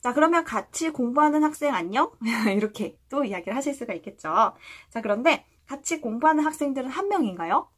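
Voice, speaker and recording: A woman teaches a beginner's language lesson, her slightly husky voice rising and falling in lively swings. She asks her viewers a question, answers it herself, and slows right down to model each phrase for them to repeat. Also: fairly high pitch. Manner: patient, slow model readings for repeating aloud.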